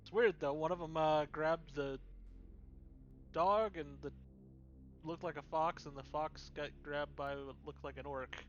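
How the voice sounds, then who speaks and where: A man voicing a drunk young male guard who rambles in halting, confused bursts, on a dull lo-fi recording. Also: a little high, steady tone, close to an everyday voice. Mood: rambling. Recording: dull lo-fi recording, faint music.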